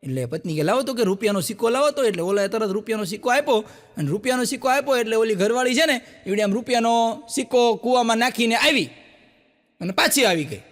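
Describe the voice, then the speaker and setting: A man doing live stand-up, telling folksy village jokes and acting out characters' lines in quick back-and-forth quotes. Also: very high-pitched, lively intonation, fairly bright tone, big-room sound. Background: audience laughter.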